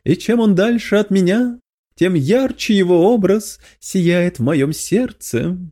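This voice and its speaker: A nervous young demon woman with a dry, ironic streak, as a male storyteller puts her on. He lifts his voice well above his own, keeping it lively and mellow. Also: sits high, a little slow, pitched above the performer's own voice, exaggerated voice. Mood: wry.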